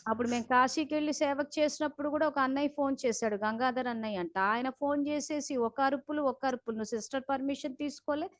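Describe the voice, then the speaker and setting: High-voiced woman giving earnest spiritual guidance. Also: quick pace, few pauses, no room sound, studio quality. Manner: earnest, instructive, recounts heated phone calls. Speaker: spiritual class leader. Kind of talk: spiritual talk on a video call. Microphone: video call.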